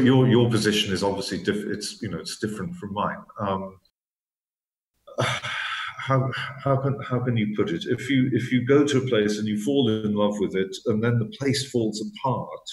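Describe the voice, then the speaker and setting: An author guest is interviewed, a man with a fairly low voice who speaks reflectively and often repeats words while searching for the right phrase. The recording is low quality with a roomy sound.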